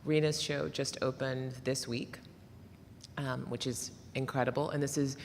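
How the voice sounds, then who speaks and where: A woman's voice: very deep voice, level tone, unhurried, creaky, darkish tone, long reverb tail, slight background noise. A woman from Nashville, Tennessee, interviewing an artist on stage in reflective, long, hedging sentences.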